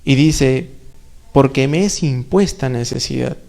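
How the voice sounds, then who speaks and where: Gravelly-voiced man preaching a sermon. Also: medium pitch, measured pace, darkish tone, faint music behind. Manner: conversational preaching with rhetorical questions and playful asides.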